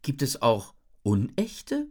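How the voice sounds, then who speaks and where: A woman voicing a shy, bewildered young girl in an audiobook, speaking softly and hesitantly. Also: a bass voice, wildly swooping pitch, takes it slowly, full character voice. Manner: soft, hesitant, repeats things. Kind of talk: audiobook character voice.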